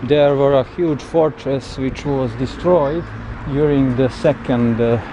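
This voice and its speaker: A man who speaks English as a non-native language, guiding a walking city tour in a halting, searching way, outdoors in the wind. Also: medium pitch. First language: not English. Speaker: travel vlogger, tour guide. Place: outdoors on windy city streets by a river. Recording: loud wind and street noise, outdoors.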